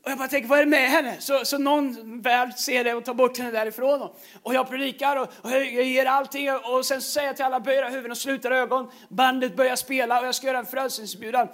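A man preaching a sermon, telling a funny story with lots of fillers, repeats and laughter. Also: very high voice. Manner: animated, breaks into laughter, frequent fillers and repeated words. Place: large church stage.

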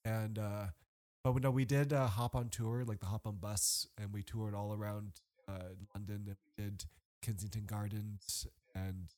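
A man's voice: lowish voice, normal speed. A man, a podcast guest, chatting casually and telling stories animatedly, rambling with lots of restarts and fillers. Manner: animated storyteller. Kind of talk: casual chat.

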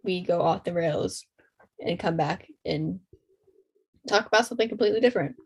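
A woman's voice: fairly low pitch, normal speed, a little mellow, breathy edge. A young adult woman chatting casually as a podcast co-host.

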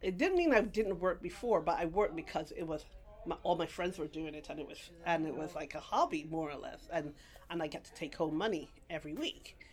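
A woman's voice: sits low, animated, fairly quick. A middle-aged woman from England, raised partly in Guyana, telling her life story in a rambling oral history interview at a library, with many restarts and laughs. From England, grew up partly in Guyana.

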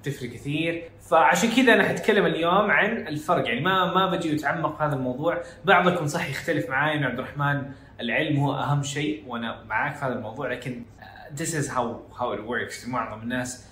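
Hosting his laid-back educational podcast, this Jeddah native speaks fast in a slightly high voice that sounds pushed and bright. He has a Hejazi accent and code-switches into English phrases mid-Arabic, recorded in an echoey room.

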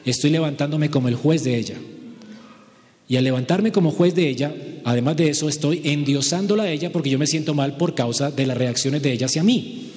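Man, preacher, sermon, rhetorical questions, slightly high-pitched, long reverb. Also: fairly quick, a little mellow, soft background music.

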